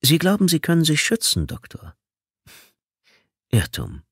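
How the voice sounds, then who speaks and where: A man's voice: on the high side, huge pitch swings, slightly rough, no room sound, clean studio sound, voice pushed up, exaggerated voice. A man reading an audiobook, voicing a menacing male killer who taunts his victim over the phone. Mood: taunting. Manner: taunting, slow and sneering.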